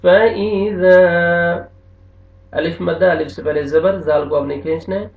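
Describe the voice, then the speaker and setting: A man teaching Quran recitation online, drawing out each word slowly and then explaining the rules quickly. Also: on the high side, steady tone, gravelly. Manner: slow drawn-out recitation alternating with quick explanations. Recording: echoey, distant, tinny phone-like sound.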